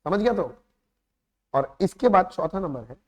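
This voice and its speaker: A man with an Indian accent lectures a class on accounting, firing quick check-in questions at his students and slowing right down to stretch out key terms. His voice sits fairly high for a man. The classroom leaves a long, ringing reverb behind every line. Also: animated, a little mellow. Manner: talks straight to students, quizzing them with quick questions; lapses into slow, drawn-out words when stressing terms. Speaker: accounting teacher.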